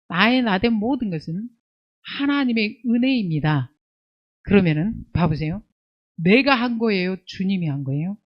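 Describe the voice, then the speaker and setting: A woman pastor preaching a sermon, asking rhetorical questions and answering them, scolding and rising to near-shouts on key points. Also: mid-range voice, muffled recording. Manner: emphatic preaching with rhetorical questions and call-and-response "예".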